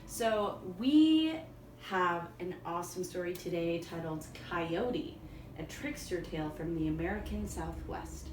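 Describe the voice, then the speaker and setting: A woman teacher reading a storybook aloud for young children, in simple, deliberate phrases. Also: fairly low pitch, animated, a little mellow. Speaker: elementary school teacher. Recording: echoey room, distant mic, faint noise.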